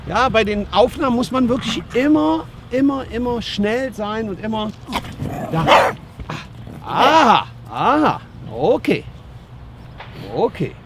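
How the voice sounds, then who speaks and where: Dog trainer guy outside, high voice bouncing all over, chatty with the dogs. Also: a little slow, background noise. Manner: lively, talks to the dogs and viewers, often adds "ne?". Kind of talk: casual commentary while filming dogs. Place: outdoors at a dog area.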